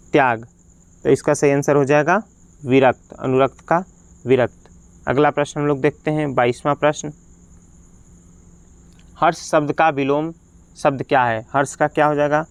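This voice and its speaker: A man's voice: a little high, clear, resonant tone, dry recording. A man teaching as a Hindi teacher, reading out exam practice questions and their options one by one, then giving the correct answer.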